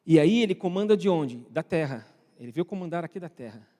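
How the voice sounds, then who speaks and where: A man's voice: on the high side, expressive, a little fast, mellow. A man with a Brazilian accent preaching a conversational sermon in church, often asking the congregation questions and speaking to viewers at home. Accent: Brazilian Portuguese. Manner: asks the congregation frequent questions; addresses online viewers at home. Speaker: pastor. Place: church hall. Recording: long church reverb.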